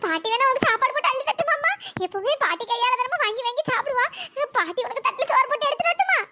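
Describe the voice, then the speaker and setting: A voice actor voicing a fretful old grandmother in a cartoon story, coaxing and lamenting with repeated cries, through a pitch-raised voice effect. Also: lively intonation, racing, heavy background noise.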